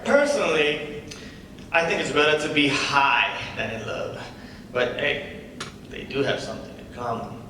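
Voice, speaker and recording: At a staged script reading, a young student actor plays a cocky, flippant stand-up comic, chatting casually and tossing in rhetorical tag questions. His medium-pitched voice is sharp, his pace measured with long pauses, and he's recorded from far off in an echoey hall with faint noise.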